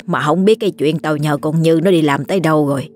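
A woman's voice: low-pitched, a little fast, faint music behind, natural voice. A woman voicing a bossy, scolding old grandmother with a Southern Vietnamese accent. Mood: grumbling. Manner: gruff, scolding.

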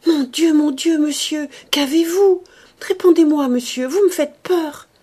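Woman reading as a desperate devoted servant woman, storybook, pleading, mellow voice, husky tone. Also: mid-range voice, expressive, normal speed. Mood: frantic pleading. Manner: pleading, rising to cries.

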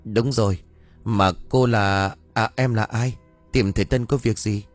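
A man's voice: lowish voice, fairly even intonation, measured pace, faint music behind, lightly acted. A man voicing an eager, cheeky young village lad, in a read-aloud story. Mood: cheerful. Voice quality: eager, teasing, chatty.

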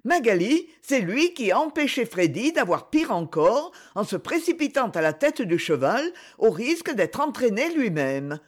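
A gentle lady companion, kindly and reassuring, speaking softly, as a male reader voices her. She comes across as an audiobook character with a lively, high-leaning tone. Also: normal speed, hardly any pauses, exaggerated voice.

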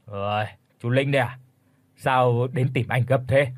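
Man doing a gruff pot-bellied older brother. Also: medium pitch, steady tone, unhurried, dry recording, natural voice.

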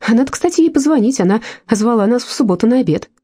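A woman's voice: on the high side, animated, fast talker, mellow, slightly rough, voice pushed up. A woman voicing a weary, patient young husband in an audiobook, soothing and lightly ironic. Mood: tired, soothing. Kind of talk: audiobook character voice.

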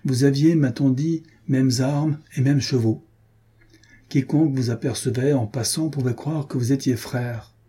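A man's voice: medium pitch, fairly even intonation, a little slow, warm tone, slightly rough. A man voicing a stern, menacing soldier-captain who speaks in clipped, bitten-off words. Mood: accusing. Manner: clipped, chewing his words.

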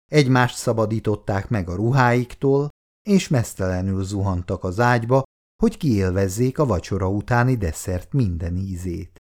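A man reading an audiobook aloud with an expressive, animated delivery. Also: lowish voice. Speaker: audiobook narrator.

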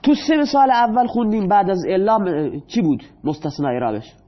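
High-voiced man teaching grammar. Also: animated, muffled recording. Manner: asks students questions and answers them himself; reads the Arabic examples out slowly. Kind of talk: explaining Arabic grammar in Persian.

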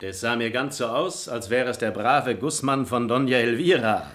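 A man's voice: mid-range voice, moderate pace, fairly bright tone, natural voice. Don Juan, self-assured seducer played by a man. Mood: probing. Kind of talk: classical stage comedy radio acting.

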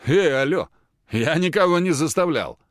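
A man voicing a crude, aggressive young thug who talks rough and sarcastic. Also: a little high, expressive, moderate pace, dry recording, studio quality, pitched above the performer's own voice, close to an everyday voice. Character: aggressive, foul-mouthed young male thug.

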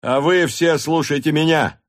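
Brief: man voicing an enraged young hussar officer, commanding, barks out high, slow, drawn-out orders, audiobook. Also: natural voice. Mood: furious shouting. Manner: shouting, commanding.

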